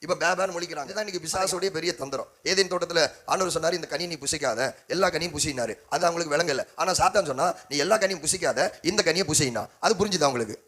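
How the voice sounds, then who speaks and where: A pastor with a Tamil accent preaches in a fairly high, bright voice, speaking fast with few pauses. He prompts the congregation to respond, repeating phrases in a rising, rhythmic call-and-response exhortation.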